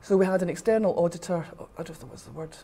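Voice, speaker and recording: A rugby official, middle-aged and from Scotland's west coast, answers informally with a west of Scotland accent, candid and firm in her opinions. Her lowish voice is warm and quick, and a faint hiss or hum runs underneath.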